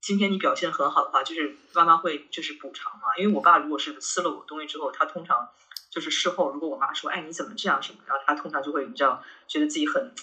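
Bright, quick-talking woman in casual chat. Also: deep voice, low-quality recording. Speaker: podcast co-host.

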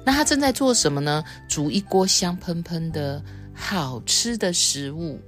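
Woman, podcast host, picture book storytelling, expressive, low voice, faint music behind. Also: unhurried.

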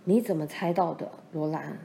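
A woman voicing a steady middle-aged pioneer father, speaking low and measured as he recounts events. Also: creaky, a little hiss or hum. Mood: teasing.

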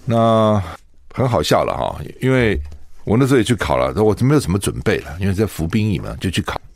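A man's voice: on the low side, big pitch swings, fairly quick, vocal fry. A man from Taiwan hosting a radio talk show, giving solo news commentary in a chatty way, often asking his listeners rhetorical questions. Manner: chatty, asks rhetorical questions, laughs at own stories.

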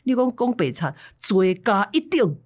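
A woman voicing a stern middle-aged male temple medium who shouts angrily in Taiwanese Hokkien. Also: medium pitch, sing-song, measured pace. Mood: stern warning.

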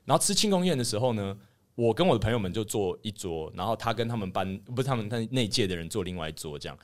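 A young man speaks Mandarin with a Taiwanese accent. His voice sits a little low, and his words tumble out fast. He tells a long story in sheepish, rambling casual chat, full of restarts. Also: expressive. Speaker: podcast co-host.

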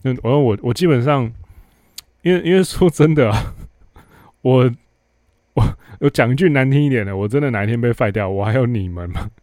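A man's voice: mid-range voice, fairly quick, long pauses, warm tone, no room sound, studio quality. Blunt Taiwanese man telling work stories. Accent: Taiwanese Mandarin. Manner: blunt, sarcastic storytelling with mild swearing. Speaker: podcast host. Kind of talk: casual solo podcast monologue.

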